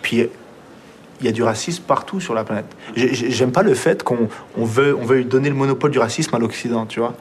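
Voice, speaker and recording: A man's voice: mid-range voice, a little hiss or hum. A young man with a Quebec French accent, a filmmaker guest telling stories in a casual radio conversation, reflective and full of restarts. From Montreal. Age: young adult. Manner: fast, reflective storyteller with frequent restarts.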